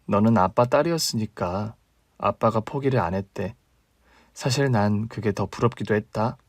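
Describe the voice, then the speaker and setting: A man voicing a caring older sister in a radio drama reading, calm and consoling in a low, quiet tone. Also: moderate pace, dry recording, clean studio sound. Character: young woman, steady caring older sister.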